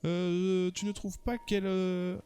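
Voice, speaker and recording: A bashful, dreamy young man from a video game, all nerves and longing, speaking in a fairly high voice as a man reads his lines aloud. His delivery is earnest and sighing, and he is too shy to act on his crush. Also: level tone, takes it slowly, mellow, smooth. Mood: lovestruck. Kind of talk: reading game dialogue aloud.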